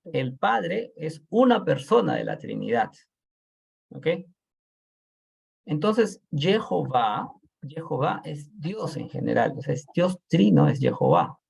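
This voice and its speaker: A man teaches a Bible class over a video call. His voice is gravelly and husky, and it rises and falls in a lively way. He explains step by step and keeps checking that his listeners follow. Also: fairly high pitch, takes it slowly.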